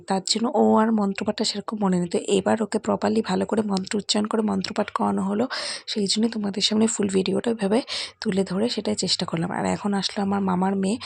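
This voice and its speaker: A woman's voice: mid-range voice, vocal fry, darkish tone, husky, no echo. A young woman with a Bengali accent, narrating a casual home vlog and talking straight to her viewers. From West Bengal, India. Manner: chatty, addresses viewers directly. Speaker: vlogger. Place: family home.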